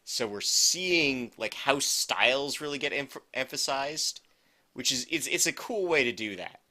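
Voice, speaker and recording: A man's voice: medium pitch, lively intonation, unhurried, sharp tone. A man co-hosting a casual podcast, rambling and correcting himself with a wry edge. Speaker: podcast co-host. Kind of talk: casual chat.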